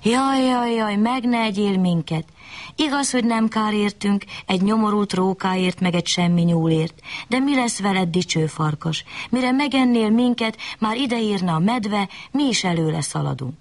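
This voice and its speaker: A woman voicing a sly, scheming fox in a bedtime story, wheedling and flattering. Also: medium pitch, natural voice.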